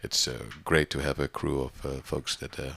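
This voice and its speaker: A man with a very low voice talks casually in an interview, stopping often on fillers and restarting his sentences. The sound is dry and close, with no room around it. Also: little pitch movement, moderate pace, gravelly, sharp tone, slightly rough, no echo. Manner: hesitant, many fillers and restarts. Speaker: online music community organizer.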